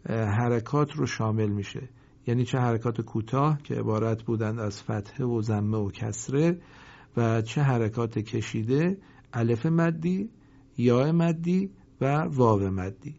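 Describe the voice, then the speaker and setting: A man teaching a reading lesson. He explains briskly and recites example words slowly and drawn out for the class to repeat. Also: mid-range voice, darkish tone. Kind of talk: recorded lesson. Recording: dull lo-fi recording.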